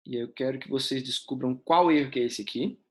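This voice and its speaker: A man's voice: mid-range voice, brisk. A man teaching essay writing in a live online class with a Brazilian Portuguese accent, explaining step by step and asking his students questions.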